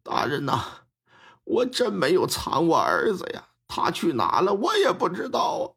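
Storyteller voicing a desperate father with a Henan accent, whining, wildly swinging pitch. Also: huge pitch swings, unhurried, vocal fry, a bit bright, breathy edge, full character voice. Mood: pleading. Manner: whining, begging. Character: beaten, pleading middle-aged male father.

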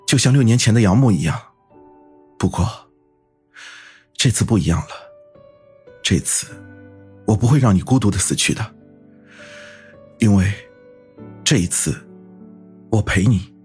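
Brief: male actor as a resolute young detective in an audio drama, breathy and raspy, low-set, steady and solemn. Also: measured pace, pauses often, soft background music, heavily acted. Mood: tender resolve. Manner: steady, solemn, quietly devoted.

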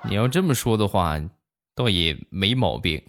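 A man with a fairly low voice tells comic family anecdotes in a chatty monologue. His pitch swings widely as he builds to each punchline. He pauses before the punchlines. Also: expressive, over loud music. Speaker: comic storyteller.

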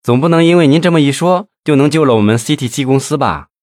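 A man voicing a confident, blunt businesswoman who teases her host with sharp, mocking frankness. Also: mid-range voice, animated, a little fast, no room sound, clean studio sound, natural voice. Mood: impatient. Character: confident businesswoman, company chairwoman, teasing and blunt.

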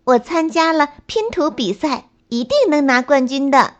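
A woman's voice: moderate pace, close to an everyday voice. Woman voicing a cocky little girl bunny. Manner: bouncy, high childish bragging. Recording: slightly dull lo-fi recording.

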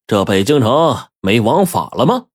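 A man's voice: medium pitch, sing-song, normal speed, slightly rough. A man storyteller voicing a bold, sly older male beggar who talks back with cocky confidence. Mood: defiant. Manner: cocky, mocking.

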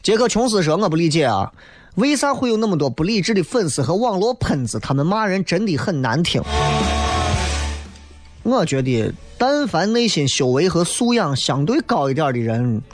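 High-pitched man, blunt and chatty. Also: sing-song, normal speed. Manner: blunt, teasing, colloquial. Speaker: host of an audio show. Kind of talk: casual chat answering listener messages. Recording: loud guitar music behind the voice. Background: guitar music.

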